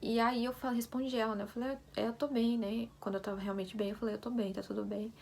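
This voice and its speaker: A young woman telling a personal faith story in casual vlog style, soft-spoken and often dropping to a near whisper. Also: a little high, level tone, quick pace, vocal fry, a little hiss or hum. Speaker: vlogger sharing a faith story.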